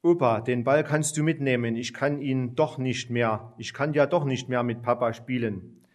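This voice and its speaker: Man reading a little boy, sad and quiet, kids story. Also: medium pitch, moderate pace, close to an everyday voice. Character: grieving little boy missing his dad.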